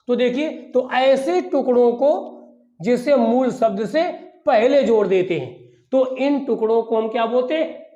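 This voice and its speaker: A man gives a grammar lesson, repeating key points and supplying answers to his own questions. His voice is very high-pitched with a darkish tone. The highs are cut off in the recording, and the room echoes.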